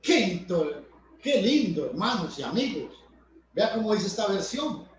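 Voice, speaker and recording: A man's voice: high voice, sing-song, unhurried, distant mic, dull audio, slight background noise. Emphatic male preacher in echoey room. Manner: emphatic, addresses listeners as brothers and friends. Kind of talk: sermon.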